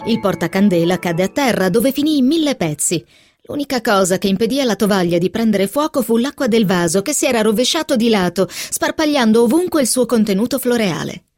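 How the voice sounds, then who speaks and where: Expressive woman reading a novel, dry sound. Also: fairly high pitch, fairly quick, no room sound, soft background music. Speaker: reader. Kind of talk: literary reading on radio.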